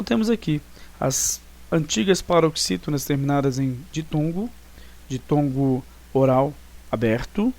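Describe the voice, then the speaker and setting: A man's voice: fairly high pitch, a little mellow. A Brazilian man teaching Portuguese grammar to ninth graders in a recorded online class. He explains step by step and keeps checking in with "né" and "tá".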